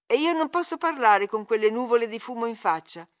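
A woman's voice: on the high side, animated, a little fast, voice pushed up, lightly acted. A woman reading aloud, voicing a petulant, teasing young woman who turns pleading with her cousin. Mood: insistent. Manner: needling, then tearfully pleading.

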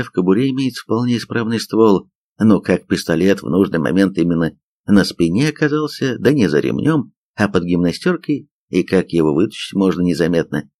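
A man narrating an audiobook in an expressive reading manner. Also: deep voice, dry recording. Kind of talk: scripted narration.

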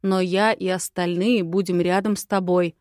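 A calm, earnest dragon prince, read by a woman. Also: on the low side, normal speed, no room sound, studio quality, natural voice. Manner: steady, earnest persuasion.

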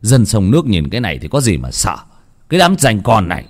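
A man's voice: wildly swooping pitch, fast talker. Man doing scoffing old river villagers. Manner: low, scoffing, matter-of-fact. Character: weathered older riverside village men, dismissive.

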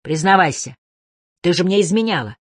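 A woman voicing a jealous, volatile husband who shouts accusations. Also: fairly low pitch, animated, moderate pace, no room sound. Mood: accusing. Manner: accusing, demanding.

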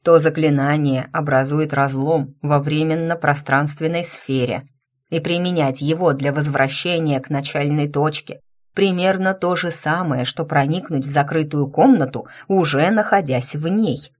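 A woman's voice: low-pitched, moderate pace. A woman reading an audiobook voices a grumpy, self-pitying male cat who used to be a university rector, grumbling and irritable.

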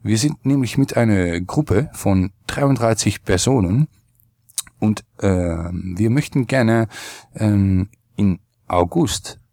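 A low-voiced man speaks with a Dutch accent and a lot of fry in a very dry sound. He is polite and hesitant, feeling his way deadpan through an enquiry as a podcast prankster. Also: takes it slowly, no room sound. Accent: Dutch accent in German. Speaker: podcast host making a prank phone call. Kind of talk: deadpan, halting phone enquiry.

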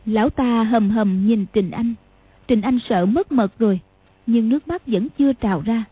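A woman narrating an audiobook in an even storytelling manner, with a husky voice. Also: a little high, moderate pace, dry recording. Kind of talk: scripted narration. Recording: tinny phone-like, dry.

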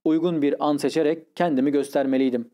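A man reading a literary audiobook in a measured, expressive way. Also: fairly high pitch. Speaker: audiobook narrator.

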